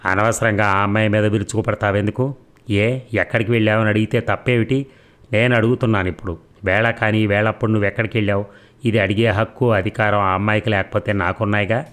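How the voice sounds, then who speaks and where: A domineering, suspicious young man in an audiobook novel, as a reader voices him. He presses with quick, demanding questions in a lowish voice. The storytelling stays close and plain. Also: fairly even intonation, a bit bright, natural voice. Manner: demanding, interrogating.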